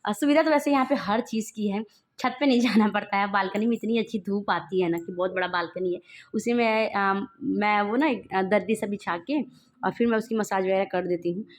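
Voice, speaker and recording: A young mother vlogs from indoors at home, chatting casually and rambling as she speaks directly to her viewers. Her voice is mid-range and brisk.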